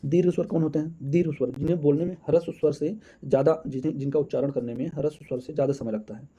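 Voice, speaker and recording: A man teaches an exam-prep lesson in a very dark, husky voice. He asks questions and counts out the answers aloud, calling his viewers friends. The recording sounds dull and lo-fi. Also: on the high side, fairly even intonation, very fast.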